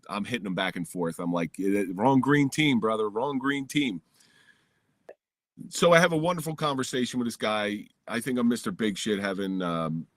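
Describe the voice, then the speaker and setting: A middle-aged New Jersey man appears as a podcast guest, telling a personal story candidly and with energy. He has a lowish voice and is recorded in his home basement, with no echo.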